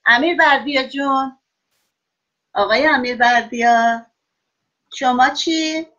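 A woman's voice: high voice, pushed and bright. A woman teaching children in an online class, praising and encouraging each pupil by name. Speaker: schoolteacher. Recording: dull lo-fi online call audio.

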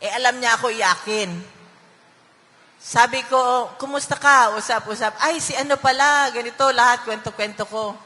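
A middle-aged woman on the verge of tears tells a personal story in a halting, broken way. Her voice is bright and forceful, carried through stage speakers with a long echo trailing behind it. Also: a little high, fairly even intonation. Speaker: rally speaker. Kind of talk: emotional speech at a political rally. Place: outdoor rally stage.

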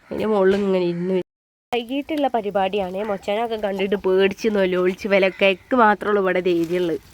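A woman's voice: mid-range voice, steady tone, fast talker, background noise. A woman, chatting casually to her viewers in a family vlog. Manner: chatty, addresses viewers, ends remarks with soft tags. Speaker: family vlogger.

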